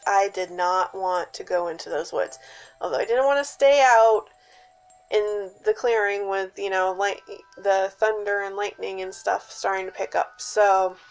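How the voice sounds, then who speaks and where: A woman casually telling a personal scary story in a suspenseful, dramatic way, with hushed dips and emphatic stresses. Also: mid-range voice, poor audio.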